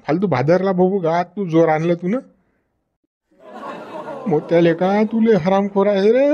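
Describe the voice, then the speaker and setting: A man's voice: sits high, muffled recording. A man acting in a rural comedy sketch, talking in a pleading, wailing way. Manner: pleading and wailing while being beaten.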